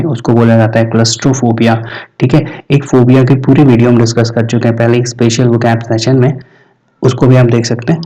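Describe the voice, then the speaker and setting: A man teaching exam vocabulary, explaining in Hindi and reading the English questions out slowly. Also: medium pitch, dark tone, distant mic, low-quality recording. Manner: explains in Hindi, reads English lines slowly, keeps asking "ठीक है?".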